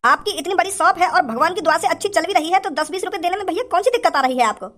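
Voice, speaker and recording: A man's voice: extremely high pitch, lively intonation, racing, bright, forceful tone, exaggerated voice. A man voicing a hungry young male beggar who whines and pleads for money in a cartoon. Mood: pleading. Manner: whining, begging.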